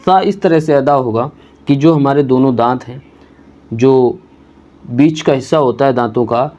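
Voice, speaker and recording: A male Quran reading teacher, giving a step-by-step beginner lesson, slowly repeating each letter sound and explaining patiently. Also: mid-range voice, a little mellow, lo-fi sound.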